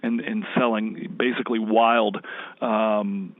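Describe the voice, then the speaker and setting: Male interviewee, low voice with vocal fry, halting explanations, dry phone-quality sound. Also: little pitch movement, dry recording. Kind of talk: unscripted interview talk. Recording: tinny, dry phone-like line.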